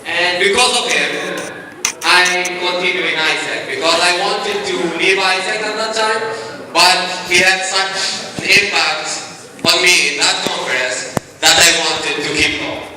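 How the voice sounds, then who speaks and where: A man's voice: high voice, fairly even intonation, a little slow, noisy background. Young Algerian man in echoey hall. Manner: chatty, upbeat, rallies the crowd. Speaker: conference speaker. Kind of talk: casual conference talk. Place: large conference hall. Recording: echoey hall, mic at a distance. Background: audience.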